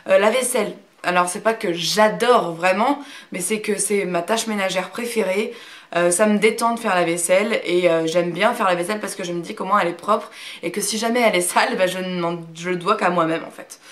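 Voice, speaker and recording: Reserved woman in her thirties, plain middle voice, frank but halting, casual video talk. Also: mid-range voice, fairly bright tone. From Brittany, France. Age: 30s. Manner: hesitant, many fillers and restarts. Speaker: YouTuber. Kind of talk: casual talk to camera, answering a question tag.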